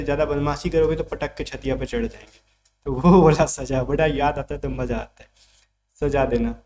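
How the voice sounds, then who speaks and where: Man, teacher, vocabulary lesson, step-by-step explanations, slightly high voice, light hum behind. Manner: explains step by step with repeated checks.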